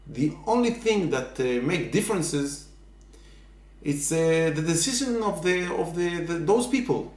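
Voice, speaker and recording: Halting man in an echoey room. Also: a little high, lively intonation. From Israel. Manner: earnest, halting, with many fillers. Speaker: interviewee. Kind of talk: casual interview answers.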